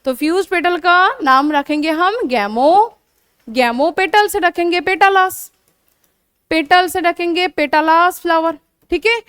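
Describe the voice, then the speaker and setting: A young woman with a high, clear voice gives a biology lecture, repeating key terms and often pausing to check that the class is following. She catches and corrects her own slips as she goes. The sound is dry, with little room echo. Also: a bit bright. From India. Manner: explanatory, repeats terms, frequent "theek hai" check-ins, self-corrects. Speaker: biology teacher. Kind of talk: classroom lecture mixing Hindi and English terms. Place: coaching classroom.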